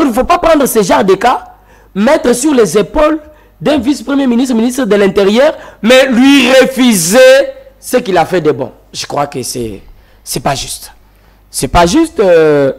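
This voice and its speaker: A man from the DR Congo with a Congolese French accent, arguing his point as a guest in a televised political debate and repeating phrases for emphasis. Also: very high voice.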